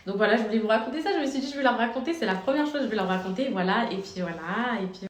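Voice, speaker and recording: Fast, chatty young woman vlogger. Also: on the high side, animated, echoey room. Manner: chatty, fast, full of fillers and restarts. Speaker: social media vlogger. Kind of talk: casual storytime to followers.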